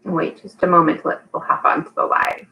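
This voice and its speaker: Speaking quickly in a fairly low, gravelly voice with little pitch movement, she leads a live storytime for small children. As an early childhood host and teacher, she's encouraging and child-directed, turning sing-song during activities. The sound is lo-fi.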